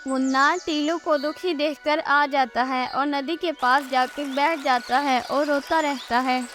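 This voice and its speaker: A woman's voice: high voice, steady tone, a little slow, a bit bright. A woman narrating a cartoon moral story in a plain, scripted storybook style. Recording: faint music behind the voice.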